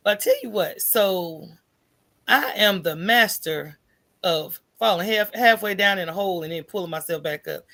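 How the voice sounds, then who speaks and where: An American woman with a medium-pitched voice speaks at a moderate pace as a podcast guest. She relates candid, conversational stories with animation, acting out recalled lines and often checking in with a "right?"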